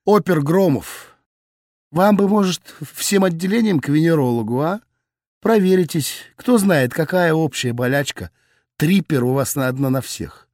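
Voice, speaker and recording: A man performs a sharp-tongued, sarcastic young woman, sounding venomous and mocking, with his voice raised above its natural pitch. The delivery is lightly acted at normal speed, fairly high and darkish in tone. The recording is clean studio sound with no echo.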